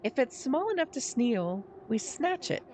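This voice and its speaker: A brash, mischievous young boy from a video game, acted out by a woman. He talks tough and slangy with a cocky, rough edge. The voice sits on the high side, with some noise in the background. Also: sing-song, measured pace, a little mellow. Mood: cocky, goading.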